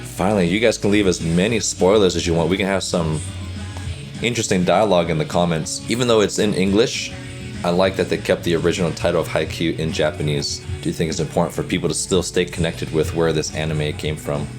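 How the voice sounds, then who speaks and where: A man with a very low voice hosts a casual reaction video. He talks in an upbeat, chatty way as a coach, pointing out details and breaking them down for his viewers. Soft music plays faintly behind him. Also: steady tone, brisk. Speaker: volleyball coach and reaction host.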